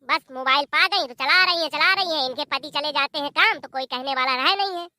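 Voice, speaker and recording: A woman's voice: high voice, a little fast, bright, forceful tone, no echo. A woman doing a fiery scolding daughter. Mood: indignant. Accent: Bundelkhandi Hindi. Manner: scolding, confrontational.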